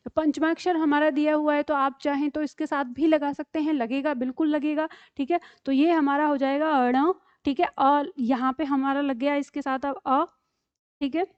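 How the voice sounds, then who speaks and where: Woman, high voice, patient teacher drilling Hindi syllables for an online class; dry, close recording. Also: a little mellow, no room sound, muffled recording. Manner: patient, repeats each syllable twice, frequent "theek hai". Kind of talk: online lesson, reciting syllables.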